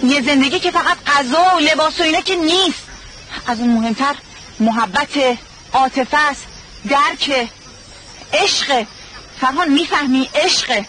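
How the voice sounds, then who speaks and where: A young doctor in a TV drama, earnestly pleading with her cousin. Her voice is high and bright, with a sharp edge. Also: slight background noise, low-quality recording. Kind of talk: TV drama acting.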